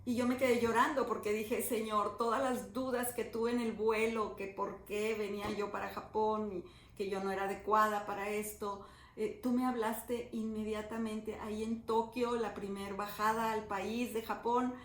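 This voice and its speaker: A woman's voice: mid-range voice, level tone, normal speed. A middle-aged Mexican woman pastor, telling a story in an earnest conversational sermon and repeating her words as she goes. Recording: echoey room with faint noise.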